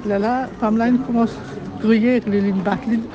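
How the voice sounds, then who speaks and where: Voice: mid-range voice, steady tone, a little slow, a crowd in the background. Voice in a noisy street. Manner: rambling, repetitive telling. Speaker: interviewee. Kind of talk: street interview recounting events. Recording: dull outdoor street recording.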